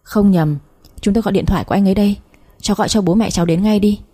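A woman's voice: mid-range voice, racing, warm tone, natural voice. A woman reading aloud, voicing a middle-aged man calling from a hospital in an urgent, businesslike way. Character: brisk male hospital caller, middle-aged.

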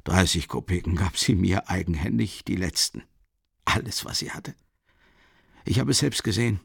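A man voicing a drunken, self-pitying old ex-official in an audiobook, pleading and rambling with a voice that swings up high. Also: animated, normal speed, vocal fry, husky, no echo, studio quality, full character voice. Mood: pleading, maudlin.

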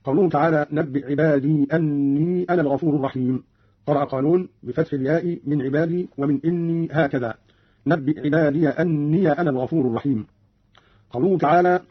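Husky man explaining Quran readings. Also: a little high, steady tone. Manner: measured, didactic. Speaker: Quran recitation presenter. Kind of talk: explaining variant readings, quoting verses. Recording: dull old radio recording.

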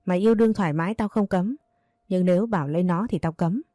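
A woman's voice: lowish voice, dry recording, clean studio sound, natural voice. A woman voicing a domineering scolding old mother. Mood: furious. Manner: scolding, fast and sharp-tongued.

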